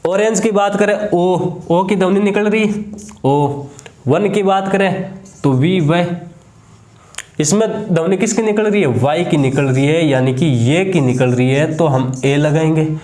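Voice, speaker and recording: High-voiced Hindi-accented man teaching grammar. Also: measured pace, darkish tone, echoey room. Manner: repeats each answer as a question. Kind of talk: classroom grammar lesson.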